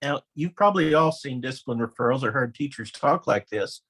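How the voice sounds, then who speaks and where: Middle-aged male presenter, husky voice, storytelling style, mid-pitched. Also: expressive, fairly quick, fairly bright tone, rough recording. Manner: anecdotal, acts out quoted voices with raised pitch. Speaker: webinar presenter, former elementary principal. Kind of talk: conversational training webinar.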